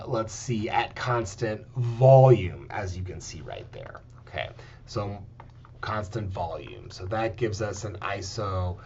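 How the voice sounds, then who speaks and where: A male chemistry lecturer explains at a mid pitch, stopping often to check in with "okay" and filling pauses with "um". The recording sounds muffled and lo-fi. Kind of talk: recorded lecture, writing on slides.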